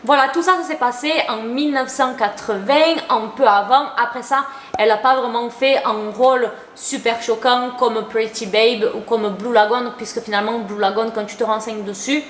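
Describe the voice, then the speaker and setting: A woman's voice: on the high side, fairly even intonation, normal speed, a bit bright, slight background noise. Chatty young woman in a roomy room. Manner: chatty and opinionated, uses casual slang. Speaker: YouTuber. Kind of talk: casual commentary to camera. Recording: roomy echo.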